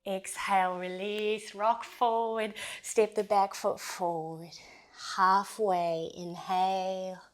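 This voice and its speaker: Slow, steady-cadence woman guiding yoga. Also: medium pitch. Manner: steady, measured cadence timed to breathing. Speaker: yoga instructor. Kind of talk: guided yoga flow instruction with breath cues.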